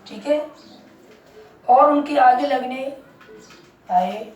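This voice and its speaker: A woman's voice: high-pitched, extremely slow, a little mellow, far from the mic, highs cut off. A woman teaching English pronunciation in a classroom-style lesson, repeating each point and quizzing her listeners with questions. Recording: echoey room, voice from off mic, faint background noise.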